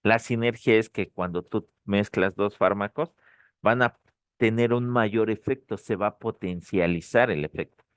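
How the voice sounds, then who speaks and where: A lower-pitched man, teaching a pharmacology class online. He repeats the key terms and keeps checking in with a quick "ok?". The recording is close and dry. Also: clean tone, no echo. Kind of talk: online lecture. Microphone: dry close mic, online session.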